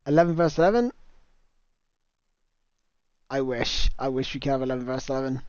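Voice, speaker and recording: A man's voice: mid-range voice, brisk, a little mellow, smooth, no echo. A man hosting a casual game livestream, chatting and reading out viewer comments on a new microphone. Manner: chatty, reads out viewer comments, laughs easily. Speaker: livestream host. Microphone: new cheap microphone. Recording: dull, dry lo-fi mic.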